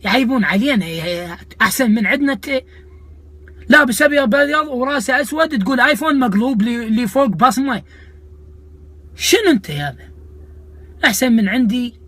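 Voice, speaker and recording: A man's voice: very high-pitched, animated, brisk, pauses often, a bit bright, no room sound. Indignant man with an Iraqi Arabic accent. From Iraq. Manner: mocking, indignant, sarcastic. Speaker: comedian host of a video channel. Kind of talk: comic rant to viewers.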